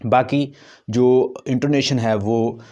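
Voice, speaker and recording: A man teaching a lesson, explaining points slowly and repeating example sentences with exaggerated stress. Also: medium pitch, steady tone, warm tone. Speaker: English teacher. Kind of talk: lecture explaining intonation.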